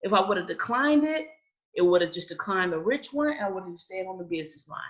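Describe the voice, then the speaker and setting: Over a video call from indoors, a medium-pitched woman with lively intonation speaks fast as she gives a casual online training, often pausing to say "okay?". The call's sound has its highs cut off.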